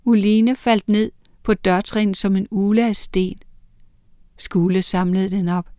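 A woman reading a children's story aloud in a steady, expressive way. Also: mid-range voice, clean tone, dry recording, clean studio sound. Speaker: narrator.

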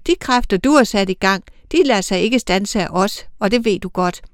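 A woman's voice: mid-range voice, no room sound, clean studio sound, lightly acted. A woman voicing a senior female angel who is stern, irritable and bossy, speaking sharply and curtly. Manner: sharp, commanding, clipped.

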